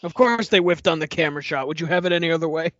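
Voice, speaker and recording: A man's voice: on the high side, rapid-fire, fairly bright tone, no room sound, lo-fi sound. A man guesting on a casual podcast chat, with dry, sarcastic remarks.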